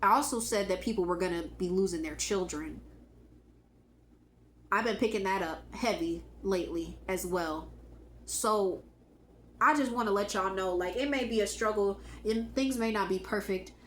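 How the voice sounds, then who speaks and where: A woman whose voice is going hoarse gives an emphatic, casual spiritual pep talk to her viewers. She speaks, repeats her key lines and swears now and then. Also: medium pitch, moderate pace, roomy sound, a little hiss or hum. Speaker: spiritual channel host.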